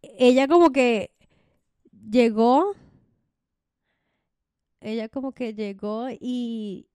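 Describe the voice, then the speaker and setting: A woman's voice: fairly high pitch, extremely slow, darkish tone, clean tone, no echo. A young woman telling stories in casual chat, chatty and slangy.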